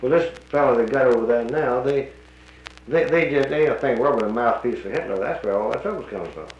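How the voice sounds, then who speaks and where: On a muffled, roomy 1941 archival recording with faint hiss, a North Carolina man talks about the war in casual conversation. His medium-pitched voice moves a little fast, and he is plainspoken and firm, citing the radio news.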